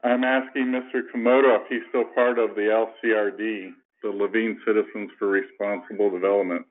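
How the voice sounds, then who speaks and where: Middle-aged man, commissioner type, deeper voice, dialed in by landline phone, formal and halting. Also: flat delivery. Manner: measured, halting, with many fillers. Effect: over a landline phone. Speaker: commissioner at a public planning hearing. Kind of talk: formal questioning at a public meeting. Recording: tinny landline phone line.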